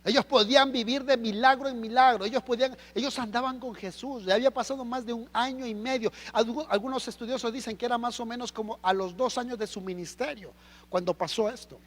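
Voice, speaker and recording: A Mexican man preaching a sermon as pastor, animated and full of rhetorical questions. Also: very high-pitched, quick pace, big-room sound. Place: church hall.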